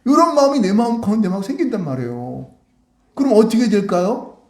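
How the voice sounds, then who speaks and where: A male pastor giving an animated children's sermon, asking his small congregation questions and acting out the children's voices. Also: high voice, brisk. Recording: echoey church room.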